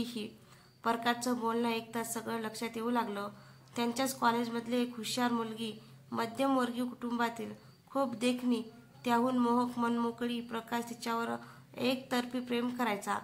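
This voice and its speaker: A woman's voice: fairly high pitch, flat delivery, normal speed. A woman narrating a horror story in a dramatic, emphatic way.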